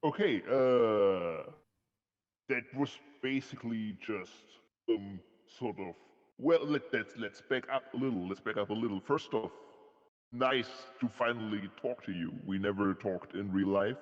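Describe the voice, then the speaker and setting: A man being interviewed on a live stream, speaking through a voice changer in a halting, hesitant way with dry jokes. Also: lowish voice, in a large hall, lo-fi sound. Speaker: guest musician.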